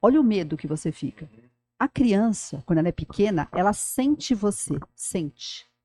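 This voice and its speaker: A middle-aged woman, a former school director telling stories in a podcast interview, animated and addressing the listener directly. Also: mid-range voice, moderate pace, no room sound, clean studio sound.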